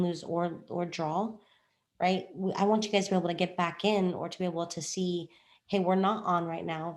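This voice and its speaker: A woman's voice: fairly low pitch, a little mellow. A woman, a trading coach chatting through a chart in a rambling, self-joking way. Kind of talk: casual screen-share explanation.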